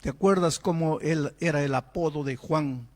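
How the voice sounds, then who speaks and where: A man's voice: fairly high pitch, moderate pace, darkish tone. A man preaching a sermon. He asks rhetorical questions and acts out imagined voices. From Peru. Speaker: pastor.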